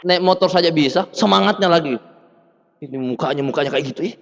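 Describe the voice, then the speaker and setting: A man telling his story to an audience in a lively, animated way, acting out the dialogue and laughing often. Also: a little high, fast, vocal fry, background noise. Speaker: motivational speaker. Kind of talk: testimonial talk to an audience. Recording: reverberant hall.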